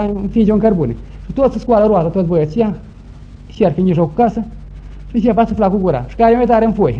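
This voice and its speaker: An older man from Romania recounting old village customs in an interview, telling it vividly and acting out shouts and sounds. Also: fairly high pitch. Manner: lively, acts out shouts and sounds. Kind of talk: folk storytelling. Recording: dull lo-fi recording, faint noise.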